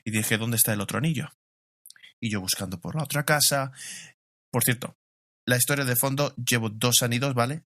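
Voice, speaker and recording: A man's voice: medium pitch, fairly quick, pauses often, a bit bright, no room sound, studio quality. A middle-aged man, a pastor, preaching a sermon in a conversational way, asking rhetorical questions and telling personal stories.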